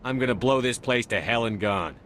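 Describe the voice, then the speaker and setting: An actor playing a steady, resolute starship commander in a video game, with music behind him. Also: male voice, medium pitch, fairly quick, background noise, close to an everyday voice. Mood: commanding. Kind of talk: video game dialogue acting.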